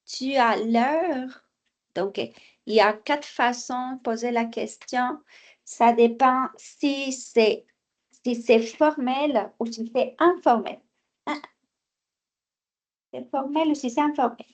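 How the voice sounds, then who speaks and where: Slow, patient French teacher, a woman. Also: fairly high pitch. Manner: slow, patient, repeats phrases, switches to Spanish for explanations. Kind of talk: online language lesson, explaining exercises.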